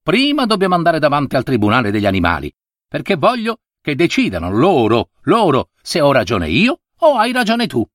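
A man voicing a gentle, frail monk in a fable, earnest and pleading. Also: fairly high pitch, wildly swooping pitch, a little fast, no room sound, clean studio sound.

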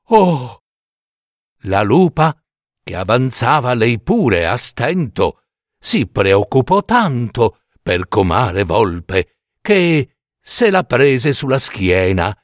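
Very slow, expressive male storyteller. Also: mid-range voice, no room sound, studio quality. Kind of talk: fairy-tale narration.

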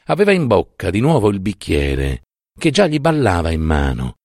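A man narrating a classic short story in an expressive, dramatic reading. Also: low-pitched, normal speed, dry recording, studio quality.

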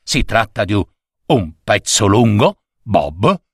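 Brief: sour old-school print boss, low and curt, voiced by a man reading a story, growling orders. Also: very animated, takes it slowly, slightly rough, no room sound, clean studio sound, full character voice. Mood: grumpy. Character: gruff grumpy middle-aged male print-shop boss.

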